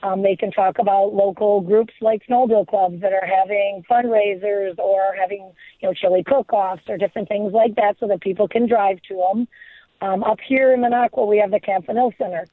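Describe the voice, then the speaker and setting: A woman's voice: mid-range voice, steady tone, brisk, no room sound. A woman calling in to a radio show over a phone line, chatting eagerly with plenty of suggestions. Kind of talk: casual call-in chat. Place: in northern Wisconsin. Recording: narrow tinny phone line.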